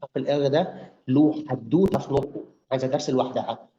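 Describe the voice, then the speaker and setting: A man's voice: medium pitch, fast, mellow. Egyptian man drilling a class. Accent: Egyptian Arabic. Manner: drills pronunciation, repeats words for learners. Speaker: language teacher. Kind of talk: live online lesson. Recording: roomy, muffled sound.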